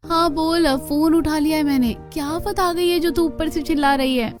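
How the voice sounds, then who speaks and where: Woman voicing a gentle hardworking cartoon girl. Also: high voice, fairly even intonation, moderate pace, faint music behind, lightly acted. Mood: earnest. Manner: earnest, gentle, pleading. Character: hardworking, kind, poor young woman. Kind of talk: cartoon voice acting.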